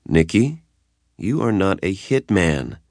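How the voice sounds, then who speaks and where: A terse, exasperated grown man, voiced by an audiobook narrator with a very low voice and flat, deadpan replies. The recording is close and dry, with no room sound at all. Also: unhurried, gravelly, no echo, exaggerated voice. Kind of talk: audiobook character voice.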